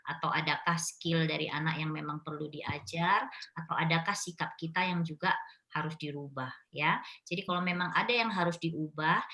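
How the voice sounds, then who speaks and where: A middle-aged woman speaking at a parenting class, explaining patiently and gently with a steady stream of "ya" in a live question-and-answer session. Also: on the low side. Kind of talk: live online Q&A advice.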